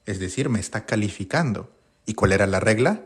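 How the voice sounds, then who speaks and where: A man teaching an online grammar lesson, asking questions and answering them himself and sounding out English words slowly. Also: fairly low pitch, expressive, slightly rough.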